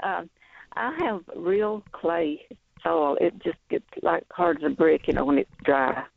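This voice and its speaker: A man phoning in to a radio show with a casual question, talking in a hesitant, halting way over a telephone. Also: a little high, expressive, vocal fry, no echo. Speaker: radio phone-in caller. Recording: tinny narrow phone line.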